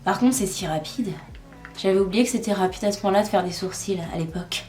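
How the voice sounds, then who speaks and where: A woman's voice: mid-range voice, quick pace, darkish tone. Chatty woman vlogger in an echoey room. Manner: chatty and self-mocking, talks while working. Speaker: beauty vlogger. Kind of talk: casual makeup tutorial chat. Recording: echoey room, faint music.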